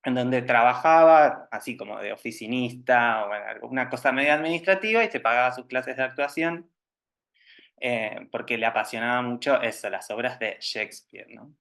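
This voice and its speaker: A man with an Argentine Spanish accent recounts a story in a loose, informal lecture. His pitch sits in an ordinary middle range, and he keeps circling back with little tag questions and restarted phrases. It sounds like a video call from home. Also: animated, moderate pace, gravelly, fairly bright tone. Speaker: Alexander Technique teacher giving a talk. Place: at home with a cat nearby.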